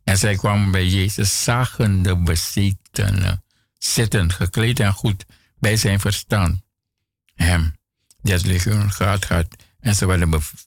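Slow, deep gravelly man reading scripture. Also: no room sound, studio quality. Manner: measured, deliberate reading with occasional restarts. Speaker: Bible reader. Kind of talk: reading scripture aloud with brief comments.

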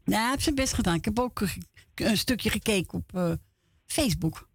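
A woman's voice: medium pitch, lively intonation, normal speed, slightly rough, no room sound, clean studio sound. A woman hosting a radio request show, chatting in an agreeable, informal way. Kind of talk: casual chat. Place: radio studio.

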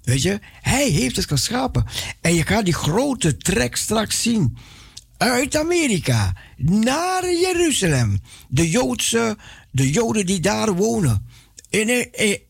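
Fervent preaching man with a gravelly voice. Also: sits high, no echo, clean studio sound. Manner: impassioned, repetitive, many restarts and stumbles. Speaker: radio evangelist. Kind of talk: preaching on radio.

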